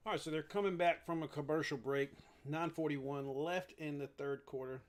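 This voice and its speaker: A man giving casual live reaction commentary on a football game, chatty and eating between plays, with sudden excited outbursts. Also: fairly high pitch, normal speed.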